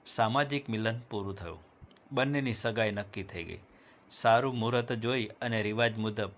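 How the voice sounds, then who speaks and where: A man narrating a novel in a measured, dramatic storytelling manner. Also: on the low side. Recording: loud background music.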